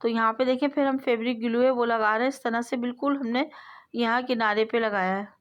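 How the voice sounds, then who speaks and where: A woman with a slightly high voice hosts a sewing tutorial, speaking as a voice-over. She explains every step patiently and repeats her phrases. She often lets her voice fade softly as she finishes a step. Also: fairly even intonation, a little fast, highs cut off. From South Asia. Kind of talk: instructional voice-over.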